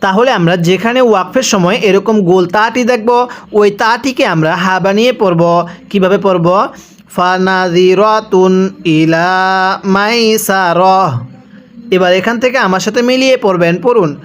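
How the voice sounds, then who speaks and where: A man with a Bangladeshi accent teaching Quran reading, explaining briskly in Bengali and reciting Arabic slowly and drawn out for students to repeat. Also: sits high.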